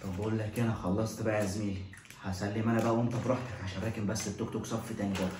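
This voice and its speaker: A man playing a clueless, dim-witted male student who mutters low, deadpan answers, with an Egyptian Arabic accent. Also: very fast, echoey room, background noise, close to an everyday voice.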